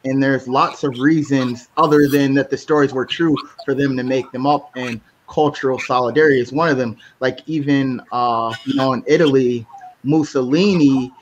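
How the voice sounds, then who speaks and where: A man from the United States hosting a podcast, explaining his thoughts in a relaxed, conversational way. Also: medium pitch, moderate pace. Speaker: podcast host. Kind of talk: casual conversation. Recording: slightly muffled with faint hiss.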